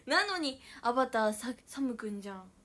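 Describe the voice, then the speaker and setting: A young woman chatting casually on a livestream, playful and mock-dramatic, sometimes dropping to soft murmurs. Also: fairly high pitch, very animated, moderate pace. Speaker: idol livestreamer. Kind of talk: casual livestream chat with viewers.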